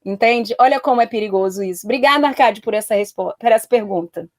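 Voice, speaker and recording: A woman's voice: medium pitch, fast talker, no room sound. A woman guest on a live talk show who gives counsel in an earnest, emphatic way and repeats her warnings to stress them.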